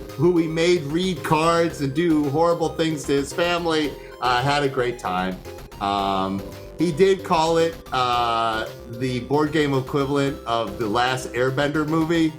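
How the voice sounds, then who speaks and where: A man's voice: on the high side, measured pace, faint music behind. Easygoing male livestream host. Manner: easygoing, loose, many fillers and restarts. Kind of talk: casual chat.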